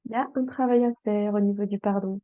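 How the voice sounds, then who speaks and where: A woman reading tarot cards for her viewers, talking slowly and hesitantly with many fillers, addressing the listener directly. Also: medium pitch, steady tone, clear, resonant tone, dry recording. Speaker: tarot card reader. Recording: dry, phone-like sound.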